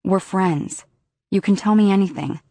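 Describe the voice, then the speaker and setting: A woman's voice: moderate pace, no echo, natural voice. Woman reading a blunt, protective young man. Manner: low, quiet and blunt. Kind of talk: audiobook character dialogue.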